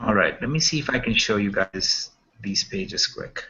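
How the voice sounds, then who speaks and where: A man with a bright, forceful voice talks loosely through a shared screen as he hosts a members' update. He comes through a video call, so the sound is dull and lo-fi. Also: lowish voice, normal speed. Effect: heard over a video call. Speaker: host presenting member updates. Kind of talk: casual webinar walkthrough.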